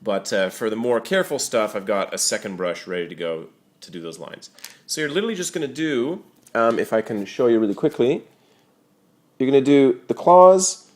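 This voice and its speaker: A man's voice: medium pitch, moderate pace. A young man giving a casual hobby painting tutorial, talking loosely with lots of "uh" and "you know". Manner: relaxed, many fillers like uh and you know. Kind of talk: casual how-to demonstration.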